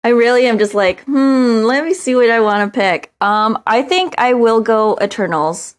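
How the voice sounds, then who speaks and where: A woman's voice: fairly high pitch, normal speed. A woman guest on a podcast in casual chat, easygoing and thoughtful as she weighs her picks.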